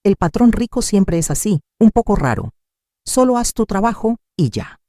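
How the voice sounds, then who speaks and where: A dismissive husband waves away his wife's worries in a storybook tale, voiced by a woman narrator. The voice is dark and warm, with a lively pitch line. The recording sounds dry and close. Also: moderate pace, no room sound, lightly acted. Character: dismissive working-class husband.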